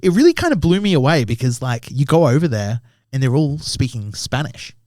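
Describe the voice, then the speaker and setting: A man's voice: mid-range voice, sing-song, a little fast, a little mellow, no room sound. Male guest, young, loose storyteller, does voices, dry mic. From Australia. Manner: swears often, acts out voices in his anecdotes. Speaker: podcast guest, tattoo artist. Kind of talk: casual storytelling chat.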